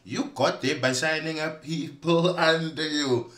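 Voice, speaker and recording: A man giving pointed reaction commentary, addressing viewers directly with emphatic pauses. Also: on the high side, fairly even intonation, a bit bright. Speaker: commentator exposing online schemes. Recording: roomy, echoey sound.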